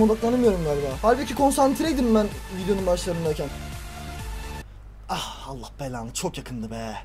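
A man commentating his own gameplay for a video, talking to himself and crying out at what happens on screen. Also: extremely high pitch. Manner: excitable, talks to himself and cries out at the game. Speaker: gaming YouTuber. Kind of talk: let's-play commentary.

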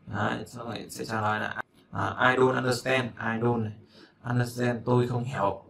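A man's voice: mid-range voice, level tone, normal speed, vocal fry, fairly bright tone, a little hiss or hum. A man from Vietnam, teaching English in a chatty way, repeating words and checking that learners follow. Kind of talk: casual spoken lesson.

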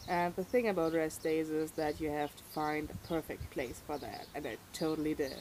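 A woman on a walking trip, talking candidly to her camera in a casual vlog, outspoken and quick to swear. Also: sits low, steady tone, heavy background noise. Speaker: pilgrim vlogger.

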